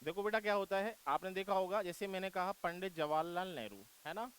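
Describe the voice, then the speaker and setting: A man's voice: high voice, brisk, a bit bright, clean tone, low-quality recording. An Indian man teaching an English grammar lesson for exam prep, coaxing his students with repeated rhetorical questions and calling them "beta".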